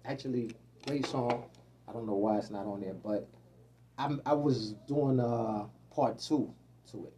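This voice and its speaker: A man guesting on a podcast chats in an easygoing way, his sentences trailing off softly. He sits back from the mic, and there is a faint noise in the room. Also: medium pitch, measured pace, far from the mic. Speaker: guest musician. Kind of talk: casual chat.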